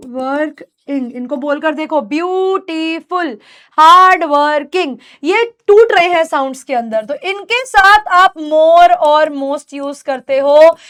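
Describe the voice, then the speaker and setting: High-voiced Indian woman teaching grammar. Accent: Indian English. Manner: explains patiently, addresses students as beta, repeats points. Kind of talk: online exam-prep lesson.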